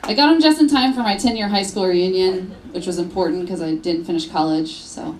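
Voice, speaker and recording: A woman's voice: lowish voice, a little fast. A woman in her thirties performing a stand-up comedy set on a club stage, telling bawdy, self-mocking stories into a handheld mic and acting out voices. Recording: live club recording with crowd noise. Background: audience laughter.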